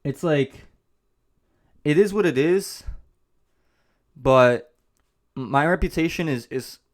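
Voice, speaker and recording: A man's voice: on the high side, takes it slowly. A man hosting a business vlog, talking casually to camera and repeating himself as he rambles. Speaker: host of a business channel.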